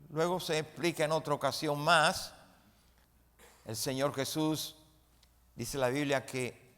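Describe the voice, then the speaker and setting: Preaching in a church sanctuary, a mid-range-voiced pastor speaks emphatically to his congregation, building to loud dramatic peaks as he retells the story. He invites responses from the listeners, and the hall adds a long reverb.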